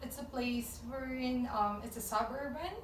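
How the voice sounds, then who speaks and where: A woman's voice: high voice, steady tone, normal speed, slight background noise. A woman from the Philippines working as a recruiter, talking in a friendly way with hesitant phrasing in a casual panel chat. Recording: echoey room, mic at a distance.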